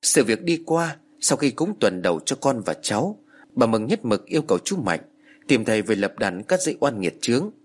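A man narrating a ghost story in a dramatic, expressive manner. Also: medium pitch, normal speed, husky.

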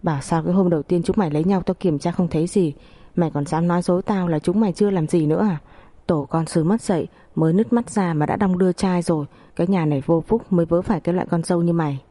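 A woman's voice: lowish voice, quick pace, dark tone, dry recording, natural voice. A woman voicing a furious, abusive older mother-in-law who screams insults and wails in an audio story.

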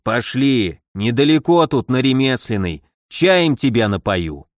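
A man's voice: medium pitch, sing-song, measured pace, no room sound, clean studio sound. A man voicing a grumpy, stubborn old man who grumbles and snaps at people. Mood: gruff. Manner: grumbling, snapping.

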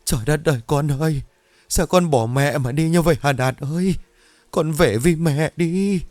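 Sobbing heartbroken old mom from a ghost story, way higher , a guy putting her on, pleading and dragging words out. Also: lively intonation, measured pace, creaky, dry recording. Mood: wailing. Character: grief-stricken older village mother, wailing and guilty.

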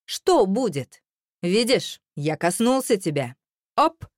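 A woman voicing an angry young man who talks with a sharp, raised voice. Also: medium pitch, very animated, takes it slowly, no room sound, clean studio sound. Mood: mocking.

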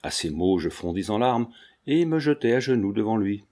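A man reading a novel aloud in calm, measured scripted narration. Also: on the low side. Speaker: audiobook reader.

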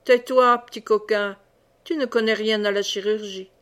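A woman's voice: a little high, moderate pace, lightly acted. A woman voicing a boisterous, wounded old monk who blusters and boasts as he tells tales in an audiobook reading. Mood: gruff.

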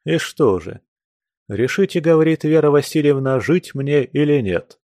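A man reading an audiobook, voicing a weary, heartsick young man who talks slowly and reluctantly, with sighs. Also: on the high side, expressive, a little mellow, no room sound, studio quality, pitched above the performer's own voice. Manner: slow, sighing, reluctant.

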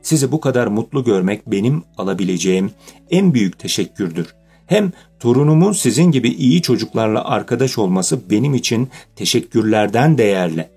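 A man voicing a kind elderly gentleman in a children's audiobook, gently spoken. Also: on the low side, lively intonation, brisk, breathy edge, soft background music. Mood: kindly. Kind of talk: audiobook character voice.

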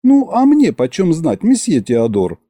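Haughty teasing young lady, as a male reader puts her on, raised lively pitch. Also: measured pace, no echo, full character voice. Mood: mocking. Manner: haughty, mocking. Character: sharp-tongued young woman, haughty and teasing. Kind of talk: audiobook character voice.

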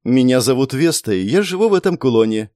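A man voicing a serene, ageless female spirit who lives in a pendant, speaking melodically and calmly, in a storybook reading. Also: medium pitch, quick pace, dry recording, clean studio sound, lightly acted. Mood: calm, melodic. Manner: melodic, calm, explaining patiently.

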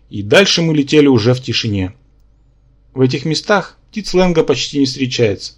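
A male audiobook narrator with a mid-pitched voice, reading a first-person fantasy story. His delivery is calm, steady and unhurried. He sounds like a practiced reader carrying a long book. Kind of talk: scripted narration.

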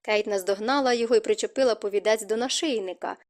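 A woman narrating an audiobook as scripted narration, in an expressive reading. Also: a little high, fast.

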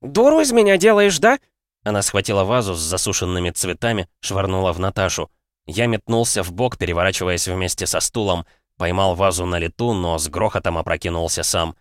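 A man reading a first-person story aloud in a measured, even storytelling manner. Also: low voice, dry recording, studio quality. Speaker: audiobook narrator. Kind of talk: first-person scripted narration.

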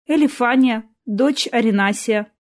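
A woman's voice: fairly high pitch, unhurried, natural voice. A woman voicing a frightened, naive young peasant serf girl with a plaintive, breathless manner, in an audiobook. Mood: timid.

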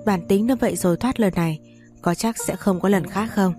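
A woman's voice: mid-range voice, brisk, mellow, soft background music, close to an everyday voice. A woman reading the part of a haughty rich mistress who speaks coldly and dismissively.

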